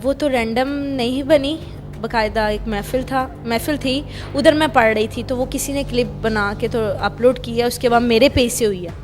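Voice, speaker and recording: A woman's voice: on the high side, fairly even intonation, music in the background. A young woman being interviewed about her religious recitation, answering firmly and repeating her points. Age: young adult.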